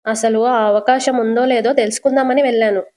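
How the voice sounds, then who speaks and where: A woman's voice: on the high side, fairly even intonation, a little fast, darkish tone, lightly acted. A woman reading a curt, arrogant young husband. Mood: dismissive. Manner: blunt, scolding.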